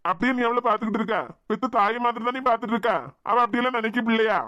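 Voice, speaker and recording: A man's voice: very high voice, steady tone, very fast, bright, forceful tone, dry recording. A man with a Kanyakumari Tamil accent voicing an earnest younger brother in a cartoon web series, reassuring his grieving sibling. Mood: consoling. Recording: dull lo-fi sound.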